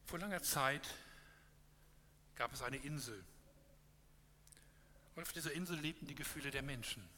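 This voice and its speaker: An earnest man preaching and telling a parable, with small hesitations along the way. His voice is bright and clear-toned. The recording has a long hall reverb and a faint hum. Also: mid-range voice, normal speed. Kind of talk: sermon closing with a read parable.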